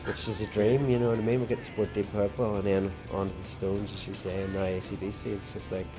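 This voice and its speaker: A Northern Irish man talks loosely in an interview, rambling through stories with plenty of "you know"s. His voice sits very low. Loud music plays clearly behind him. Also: level tone, fast. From Northern Ireland. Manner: chatty storytelling with fillers. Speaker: rock band drummer. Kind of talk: casual interview chat.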